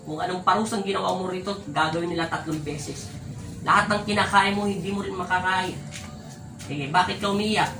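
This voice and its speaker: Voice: mid-range voice, steady tone, a little fast, music in the background. A folk faith healer talking to viewers about healing and sternly commanding spirits during a session, in a scolding, preacher-like manner. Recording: echoey room, voice far from mic, faint ambient noise.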